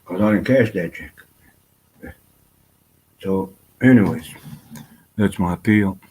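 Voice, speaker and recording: A man with a low-pitched voice rambles through a personal vlog. His talk is loose and full of fillers, restarts and casual swearing. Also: slow, darkish tone, husky, low-quality recording.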